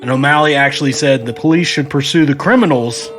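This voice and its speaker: A man's voice: mid-range voice, fast, a bit bright. Podcast co-host, man, easygoing and jokey, faint guitar bed. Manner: jokey, laughing narration of case details. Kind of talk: casual true crime podcast chat.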